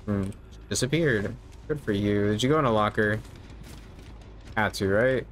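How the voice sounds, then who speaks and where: Musing aloud during a live session, a game streamer in his thirties keeps his commentary casual and easygoing. His voice sits fairly low and moves at a measured pace, with game noise audible clearly behind him.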